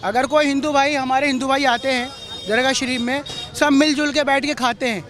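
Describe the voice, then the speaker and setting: A man's voice: extremely high pitch, fairly even intonation, brisk, fairly bright tone, slight background noise. A man giving a street interview outdoors, talking in an indignant, emphatic way and hammering his points home by repeating them.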